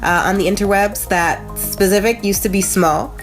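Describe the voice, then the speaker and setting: Over soft background music, the host of a motivational video channel talks at a normal speed in a mid-range voice. She's American, sounds nasal and congested, and keeps her casual vlog chatty and conversational, full of asides.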